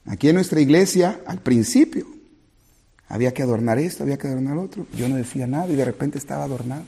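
A man preaching a sermon as a pastor, earnest, climbing to loud emphatic peaks and then falling soft and low. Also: quick pace, vocal fry, husky.

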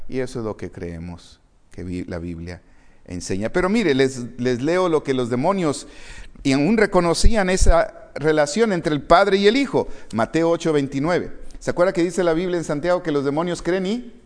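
A man preaching a sermon, reading scripture and swinging between loud emphasis and quiet, low quotes.

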